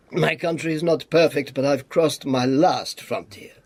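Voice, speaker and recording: This male actor, pitched on the high side with a steady tone, plays a battered, weary communist spy in a radio drama, sardonic but affectionate. His phrasing is clipped, deliberate and theatrical, and he sounds sly and coaxing.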